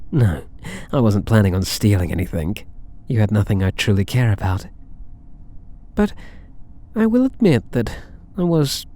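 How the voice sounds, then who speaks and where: In an intimate ASMR roleplay, a British man plays a possessive, smug, doting catboy cat burglar, coaxing and teasing the listener with theatrical endearments. His voice is lowish and mellow, with a smug, confiding mood.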